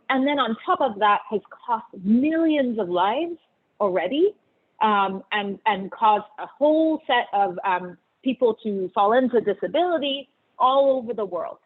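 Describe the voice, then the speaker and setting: A woman from Barbados, a panelist, talking thoughtfully over a video call with many pauses and fillers. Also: mid-range voice. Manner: thoughtful, many ums and uhs. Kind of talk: conversational answer on a video call. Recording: tinny phone-like video call audio.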